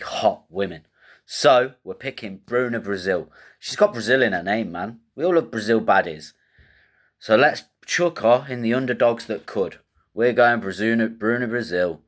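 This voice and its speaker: A man hosting a casual fight-betting show, thinking aloud in a rambling, slangy way with casual swearing. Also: lowish voice.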